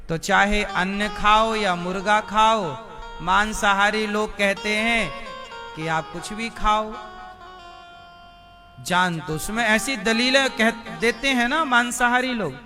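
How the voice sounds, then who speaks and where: A man preaching a devotional sermon, asking the listeners questions and answering them himself. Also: sits high. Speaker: spiritual preacher. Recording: music playing under the voice.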